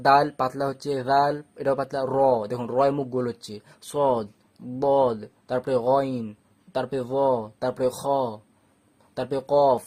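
A man teaching a step-by-step recitation lesson, patiently repeating each rule and sounding out letters slowly for his students. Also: mid-range voice, darkish tone.

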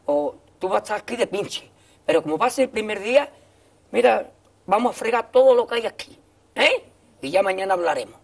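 A middle-aged man tells an anecdote as a guest on a TV talk show, acting out the dialogue he quotes. His voice is high, animated, fairly quick and gravelly. He speaks into a desk microphone on a TV studio set with a desk.

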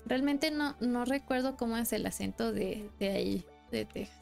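A woman's voice: on the high side, normal speed, vocal fry, a little mellow. A young woman with a Mexican accent, chatting casually and rambling while streaming a game. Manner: chatty, rambling, laughs often. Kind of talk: casual live-stream chat. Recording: faint music behind.

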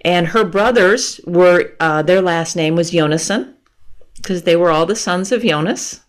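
A woman in her fifties, appearing as a guest author on a video call, speaks at a fairly low pitch and a little slowly. In this conversational interview she explains patiently and laughs often, using an earphone mic in a room lined with bookshelves.

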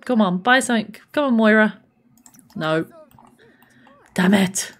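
Bubbly woman streamer, lively pitch. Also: unhurried. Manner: bubbly, gushing thanks to viewers. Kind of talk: casual gameplay live stream chat.

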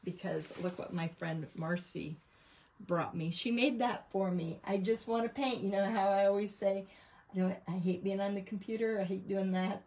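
A woman with a lowish, darkish voice hosts a craft livestream from a table indoors. Her talk is casual and rambling as she gives a show-and-tell of her painting work.

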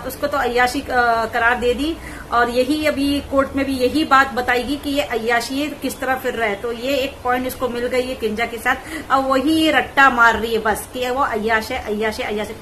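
A woman vlogger giving mocking, scolding commentary on clips in rapid rants. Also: high voice, sharp tone, slight background noise, poor audio.

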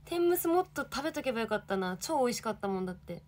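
A woman's voice: on the high side, big pitch swings, very fast, darkish tone, slight background noise. A young woman in her twenties, an idol livestreaming, chatting casually and reading viewer comments with giggly, bubbly energy.

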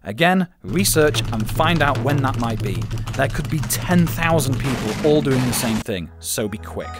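A man's voice: medium pitch, expressive, normal speed, heavy background noise. A man narrating a scripted guide in an instructive way, stressing his key points. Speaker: channel host giving advice.

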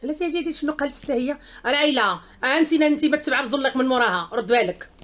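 Fast-talking outspoken Moroccan woman. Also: high-pitched, fairly bright tone. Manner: outspoken and emphatic, with repeated exclamations. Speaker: host of a live stream. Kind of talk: casual live chat reading viewer comments.

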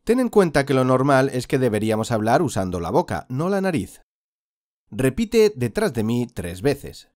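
Male instructor, patient repeat-after-me teaching, lively intonation, dry close sound. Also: medium pitch, no room sound. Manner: patient, drawn-out demonstration of sounds. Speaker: Quran recitation teacher. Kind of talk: slow instructional lesson with repeat-after-me drills.

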